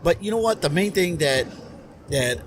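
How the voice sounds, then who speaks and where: On a covered patio strung with lights at night, a middle-aged Army veteran appears as a guest on a casual podcast. He talks earnestly, rambling with fillers, in a lively, somewhat high voice at a moderate pace. A little hiss or hum is audible.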